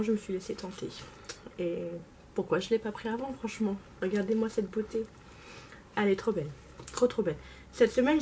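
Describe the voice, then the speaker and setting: A woman's voice: a little high, a little mellow, slight background noise. Enthusiastic young woman chatting about makeup. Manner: enthusiastic, repeats words for emphasis. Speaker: beauty vlogger. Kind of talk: casual haul video chat.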